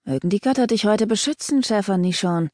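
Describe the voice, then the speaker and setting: A woman voicing a hooded male leper lord who taunts in a high, eerie singsong, in an audiobook reading. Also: a little fast, a little mellow, no room sound, clean studio sound, natural voice. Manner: taunting, knowing.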